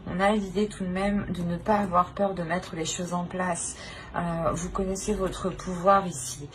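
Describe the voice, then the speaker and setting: Her delivery is flat and a little slow, her pitch fairly low, with background noise present. The woman, a tarot reader running her own channel, reads for viewers off the cuff, hesitating and repeatedly reformulating what she says.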